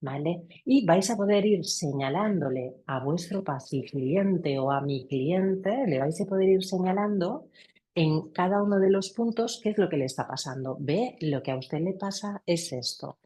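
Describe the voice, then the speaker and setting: A middle-aged woman with a Spanish accent from Spain leads a webinar lecture for opticians. She teaches in a lively, chatty way, with quick asides. Her voice sits a little low for a woman. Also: breathy edge. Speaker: optics sales trainer.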